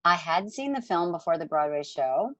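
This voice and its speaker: A woman's voice: lowish voice, animated, moderate pace, a bit bright, no room sound, dull audio. A woman in her forties, a musical theatre actress, chatting casually over a video call and rambling with lots of fillers. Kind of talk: casual Q&A chat.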